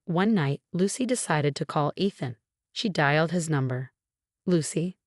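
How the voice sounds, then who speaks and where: A woman reading a family drama story aloud in an even, measured way. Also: deep voice, dry recording, studio quality. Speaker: story narrator. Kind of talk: scripted narration.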